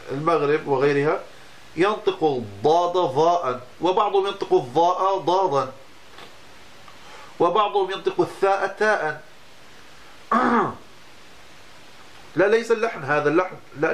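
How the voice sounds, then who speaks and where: A man, a religious teacher giving a lesson on Islamic law, explaining patiently and often breaking off to restart a word. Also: a little high. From Morocco.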